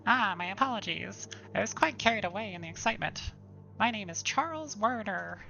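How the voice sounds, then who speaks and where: A woman voicing an excitable, formal male historian character from a game. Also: medium pitch, fairly quick, creaky, highs cut off, faint music behind, voice pushed up. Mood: excited formal. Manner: formal, eager, over-polite.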